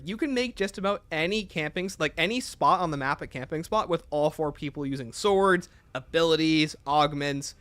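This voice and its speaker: A man's voice: high voice, a bit bright, no room sound. A man hosting a livestream, giving opinionated casual commentary and answering chat messages aloud. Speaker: livestream host.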